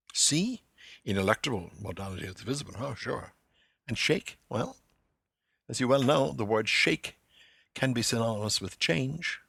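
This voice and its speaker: A man hosts a literary lecture podcast with a low, raspy, gravelly voice and a bright, forceful edge. His delivery is animated and swings widely in pitch, now and then breaking into loud acted quotations. The sound is close and dry. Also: dry recording. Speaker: podcast host.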